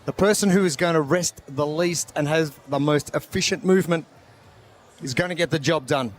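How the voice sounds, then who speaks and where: A man's voice: fairly high pitch, normal speed, a little hiss or hum. A man commentating live as lead host at a sports competition.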